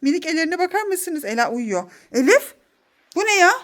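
A woman in her thirties, a mother leading a play game for her children at home, calling out excited, bossy commands. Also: very high-pitched, a little fast. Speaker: mother running a family game. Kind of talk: playful family vlog. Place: home, indoors.

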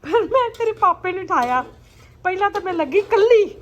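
A middle-aged woman with an Indian Punjabi accent, telling family stories casually in an animated, exclamatory way. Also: extremely high pitch, brisk, highs cut off. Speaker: mother in a family vlog. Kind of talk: casual family chat and storytelling. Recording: noisy home recording with ambient sound.

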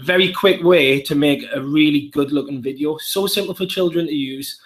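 A man's voice: fairly high pitch, normal speed, faint music behind. A man with a Geordie accent, a primary school teacher, walking through an app demo step by step in an upbeat way. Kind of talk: live app demonstration.

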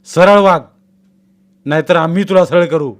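A domineering older father, loud and harsh as he berates his son, voiced by a man reading a village tale. His words come slow and heavy with threat. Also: on the high side, voice pushed up, close to an everyday voice. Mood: furious. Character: stern angry older father, landlord.

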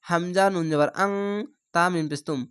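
Patient man teaching, smooth clear voice. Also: on the high side, fairly even intonation, moderate pace, fairly bright tone. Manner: patient, spells each letter and vowel, then blends the syllables. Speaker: Quran reading teacher. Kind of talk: slow spelled-out recitation lesson.

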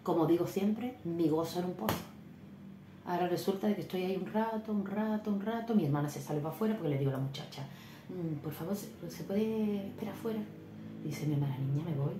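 A middle-aged woman, chattily telling a personal anecdote in a casual vlog, animated and full of exclamations. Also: lowish voice, fast talker, noisy background. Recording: echoey room with faint ambience.

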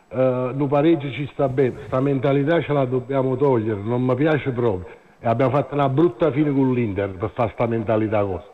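A man calling in to a live show over a phone line, talking in a halting way with many fillers and repeats. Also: mid-range voice. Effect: heard over a phone line. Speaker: caller. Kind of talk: phone-in chat about football. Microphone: mobile phone.

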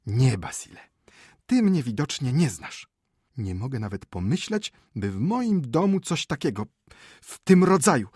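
A man reading an audiobook and voicing a frightened, indignant wife in a shrill, pleading voice. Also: a little mellow, slightly rough, dry recording, clean studio sound. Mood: commanding. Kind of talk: audiobook character voice.

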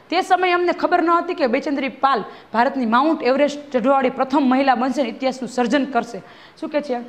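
Brief: woman teacher, fast reader, high voice, explains each line to the class. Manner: reads a line then re-explains it, often asking "બરાબર છે?". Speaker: schoolteacher. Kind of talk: classroom reading and explaining a textbook lesson.

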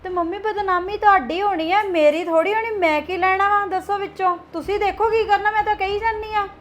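A woman's voice: sits high, normal speed, soft background music, close to an everyday voice. A young woman playing a defiant, self-centred daughter-in-law who argues back in a family drama skit. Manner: argumentative, talking back.

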